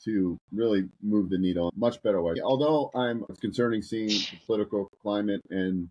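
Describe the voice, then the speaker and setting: A man co-hosting a casual podcast, steady and reflective as he shares advice. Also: fairly low pitch, a little fast, poor audio. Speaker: co-host.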